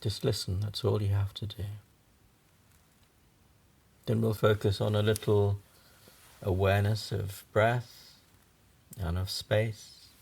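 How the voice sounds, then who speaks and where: A yoga nidra meditation guide leads a relaxation session in a fairly deep, level voice with a pronounced creak. He talks very slowly, in short halting phrases separated by long pauses, with a gentle, reassuring manner.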